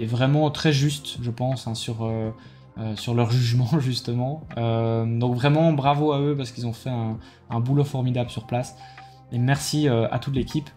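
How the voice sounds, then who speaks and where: Speaking in a medium-pitched, mellow voice, a weary man with a Belgian French accent runs through an informal debrief for his card game YouTube audience. His talk wanders, full of fillers, restarts and hesitations, along with eager thanks and praise.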